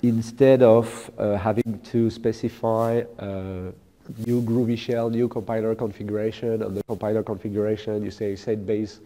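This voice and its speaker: A man giving a technical keynote talk at a conference, speaking haltingly with many fillers and restarts. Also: lowish voice, flat delivery, warm tone. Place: large lecture hall with audience. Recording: echoey large hall.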